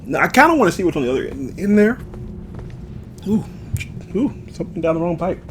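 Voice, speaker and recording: A man's voice: sits high, big pitch swings, brisk, a little hiss or hum. A man casually commenting on his own gameplay, playful and jokey, talking straight to his viewers. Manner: playful, jokey, talks to viewers, drifts into sing-song bits. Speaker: gameplay streamer.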